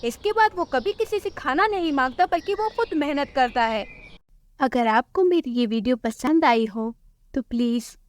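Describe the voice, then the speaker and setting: A woman storyteller giving scripted narration of a children's cartoon story in an even, storybook way. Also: sits high, moderate pace.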